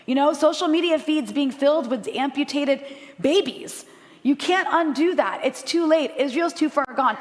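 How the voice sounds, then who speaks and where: On a live panel in front of an audience, a woman journalist from the United States speaks at a moderate pace in a high voice that trails off in long reverb. Her talk is impassioned and blunt, with plenty of "um" fillers.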